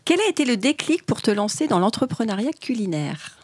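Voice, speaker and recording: A woman hosting an interview show, chatty and lively as she introduces and questions her guests. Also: a little high, brisk. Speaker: host.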